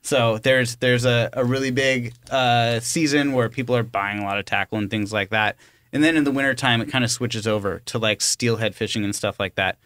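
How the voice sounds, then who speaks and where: A man, a podcast guest who runs a fishing tackle business, explaining things in a relaxed way. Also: mid-range voice, brisk, no echo. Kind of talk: casual chat. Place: small studio with several guests. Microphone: studio mic on boom arm with headphones.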